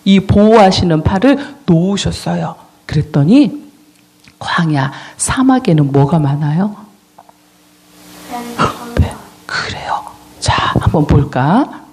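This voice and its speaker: Children's preacher, storytelling, questions to kids, lively melody. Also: medium pitch, a little slow, breathy edge. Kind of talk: children's sermon.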